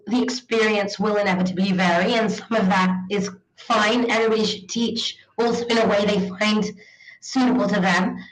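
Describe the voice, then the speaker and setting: Croaky, hoarse woman presenting. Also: mid-range voice. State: croaky voice, recovering from a cold. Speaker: university academic giving a panel presentation. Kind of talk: informal online presentation. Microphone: video call. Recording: roomy, echoey video call audio.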